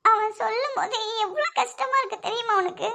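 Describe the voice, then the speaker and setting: A woman voicing Ashmi, a very high-voiced heartbroken cartoon girl. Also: fairly quick, gravelly, pushed and bright, exaggerated voice. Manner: emotional, pleading. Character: lovesick young woman, stubborn and tearful.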